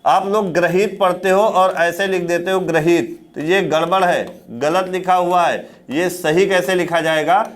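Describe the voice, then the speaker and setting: A man with a fairly high voice lectures a classroom of students. He throws out questions, supplies the answers himself and says each key word again so it sticks. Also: steady tone, measured pace, hardly any pauses. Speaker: Hindi exam teacher.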